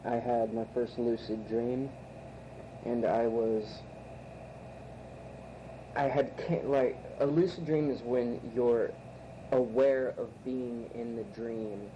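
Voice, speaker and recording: A man around thirty telling a personal story in a hesitant, reflective way. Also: medium pitch. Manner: hesitant, many fillers and restarts, reflective. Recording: muffled tape recording with noticeable hiss.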